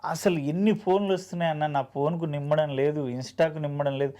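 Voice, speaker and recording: A man's voice: fairly high pitch, steady tone, fairly quick, warm tone. A man with a Telangana Telugu accent, an actor guest telling his story in an earnest, heartfelt, plainspoken way. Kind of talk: emotional storytelling interview.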